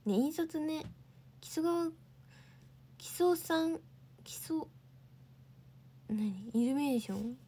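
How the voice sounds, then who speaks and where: A woman's voice: high-pitched, animated, slow pace, long pauses, mellow. A young woman hosting a casual livestream, chatting and answering viewer comments. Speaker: idol livestream host.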